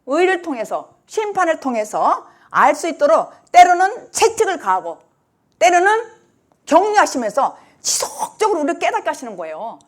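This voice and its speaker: A woman pastor delivers an emphatic, lively sermon, at times acting out the blind man's cries and the cries of other people she describes. Her voice sits high and she speaks at a normal speed.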